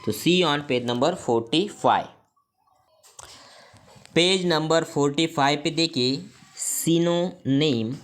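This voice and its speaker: A teacher with an Indian accent takes an online English class at a very unhurried pace. Each English definition is read out slowly and word by word, then explained again in Hindi, with a middle-pitched voice.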